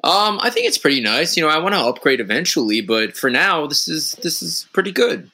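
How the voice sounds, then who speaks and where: A man's voice: a little high, very animated, fairly quick, sharp tone, exaggerated voice. A man playing a cheerful suspect in an improvised comedy interrogation, hesitating and fumbling his answers. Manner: hesitant, laughing through answers. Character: cheerful male neighbor suspect.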